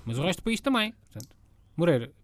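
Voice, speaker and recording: A man hosting a casual podcast chat, joking and rambling with quick asides. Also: fairly high pitch, sing-song, no echo.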